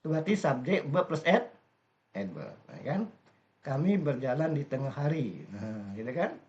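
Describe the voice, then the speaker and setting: A man's voice: medium pitch, big pitch swings, moderate pace, a little mellow. A man teaching an English grammar lesson step by step, often stopping to quiz his class. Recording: dull lo-fi recording.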